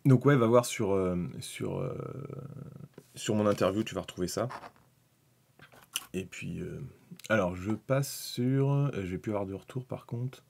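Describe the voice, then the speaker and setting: A man's voice: lowish voice, a little slow, creaky, long pauses, a little mellow, a little hiss or hum. A man chatting casually through a live stream about hobby miniatures, thinking aloud, rambling, with many fillers and restarts. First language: French.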